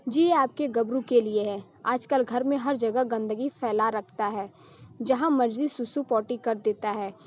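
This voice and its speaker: A woman's voice: fairly high pitch, unhurried, a little mellow, highs cut off, close to an everyday voice. A woman voicing a sheepish young wife. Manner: pleading, sheepish.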